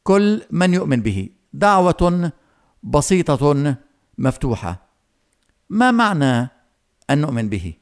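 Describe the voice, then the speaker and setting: A man preaching a sermon, speaking earnestly and slowly, addressing the listeners directly with questions. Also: fairly high pitch, very animated, smooth.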